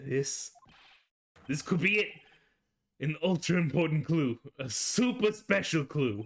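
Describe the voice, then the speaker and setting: A man's voice: a little high, animated, measured pace. A man voicing a bumbling, underpaid police detective, blustery and deferential, in a playful game read-aloud. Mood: eager, earnest.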